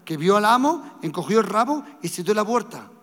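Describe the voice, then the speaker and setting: A man preaching a sermon, telling stories to his congregation in a loud, emphatic way. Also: sits high, very animated, fairly quick. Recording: long reverb of a large hall.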